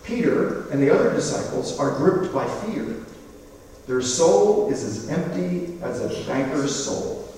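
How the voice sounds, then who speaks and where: A man giving a sermon in a conversational, storytelling way, with animated asides. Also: fairly high pitch, unhurried, slight background noise. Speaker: preacher. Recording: echoey hall from far off.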